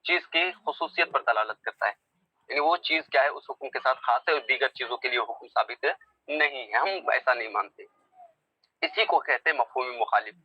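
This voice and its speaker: A man's voice: medium pitch, dry recording, lo-fi sound. A man teaching a religious text to a class, who keeps asking whether his students have understood and coaxes them to answer. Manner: keeps checking understanding with rhetorical questions; coaxing, prods students to answer. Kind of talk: classroom lecture on theology.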